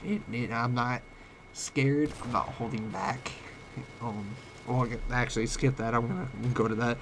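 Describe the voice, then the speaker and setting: In a late-night personal vlog, a young man with a cold speaks at medium pitch, his voice breaking from time to time. He drifts and stops, using lots of fillers and restarts, while his home mic's volume goes up and down and a faint hiss lingers below.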